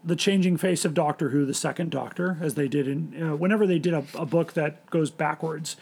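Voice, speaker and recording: A man hosts a casual podcast in a gravelly, husky voice that sits fairly high. He rambles and restarts his sentences often as he talks. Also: fairly quick, darkish tone. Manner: rambling, hesitant, many restarts. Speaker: podcast host.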